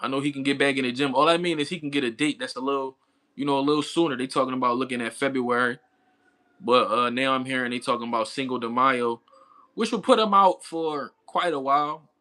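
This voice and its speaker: Fast, pushed and bright, this man's mid-range voice carries his casual livestream chat with viewers. He's a boxing commentator in his thirties who keeps it laid-back and slangy and laughs a lot.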